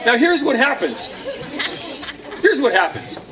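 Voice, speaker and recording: Man, youth speaker, very high voice, animated, heard from a distance, faint crowd behind. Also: measured pace. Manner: animated, acts out quotes, laughs often. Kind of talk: lively youth sermon. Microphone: camcorder from across the room.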